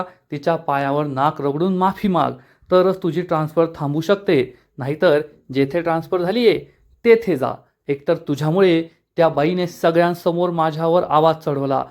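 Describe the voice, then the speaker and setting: A man's voice: a little high, darkish tone, close to an everyday voice. A man voicing a stern senior woman doctor who scolds firmly. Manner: scolding, firm.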